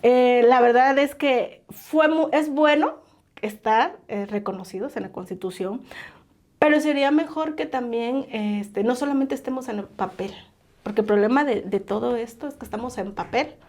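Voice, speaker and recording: A woman from the Oaxaca coast of Mexico speaks at normal speed in a somewhat high, slightly mellow voice. She's a podcast guest in a casual interview. She comes across as earnest, uses plenty of fillers, and adds tag questions.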